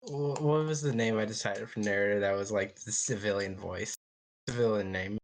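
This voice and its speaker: A woman playing a tabletop game, talking in an animated way and stumbling through her lines in character. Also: extremely low pitch, moderate pace. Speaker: player.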